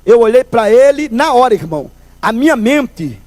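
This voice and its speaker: A man with a strikingly high voice gives a preached testimony before a congregation. He tells his story in a lively way and keeps calling the listeners "brother". The sound is close and dry, with no room echo. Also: normal speed. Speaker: church testimony speaker.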